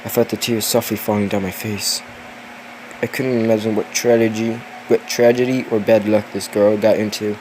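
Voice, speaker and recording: A man's voice: on the low side, level tone, normal speed, darkish tone, a little hiss or hum, poor audio. A tired young man reading a spooky story aloud, yawning, with chatty asides and the odd curse. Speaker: story reader.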